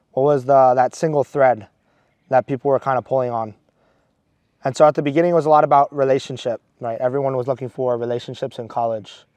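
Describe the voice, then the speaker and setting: A man's voice: medium pitch, a little mellow, dry recording. A man in his twenties from Maryland, a seminarian earnestly telling a story with many restarts. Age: 20s. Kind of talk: casual storytelling.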